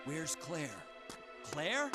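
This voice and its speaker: A man's voice: on the high side, big pitch swings, extremely slow, heavily acted. An actor playing an urgent, protective young male hero in a video game cutscene. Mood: urgent, worried. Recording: loud game music over dialogue.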